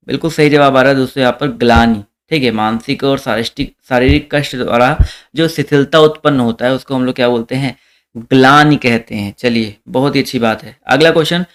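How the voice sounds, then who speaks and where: A man's voice: mid-range voice, smooth. A young man teaching a live online exam-prep class, reading questions aloud, repeating them and calling out the answers to his viewers.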